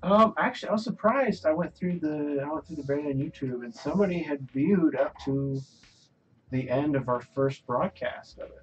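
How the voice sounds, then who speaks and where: A man's voice: fairly high pitch, moderate pace, recorded from a distance, muffled recording, slight background noise. A man in casual chat on a livestream, laid-back and often mumbling his asides.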